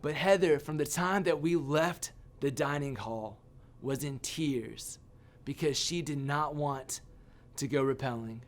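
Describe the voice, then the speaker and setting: A man giving a sermon as a youth pastor, telling a personal story with animated, self-mocking humor. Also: on the high side, a little slow, hardly any pauses.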